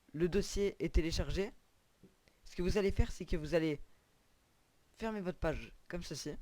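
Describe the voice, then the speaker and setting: A man's voice: on the high side, a little mellow, no echo. A young man walking viewers through a computer setup in a casual, hesitant tutorial style, with frequent fillers. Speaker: tutorial creator. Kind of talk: screen-recorded gaming tutorial.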